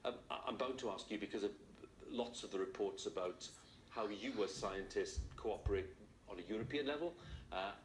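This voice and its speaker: News guy doing a live interview, lowish voice, roomy sound, rambles a bit through his questions. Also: fairly quick. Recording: roomy echo, background ambient noise.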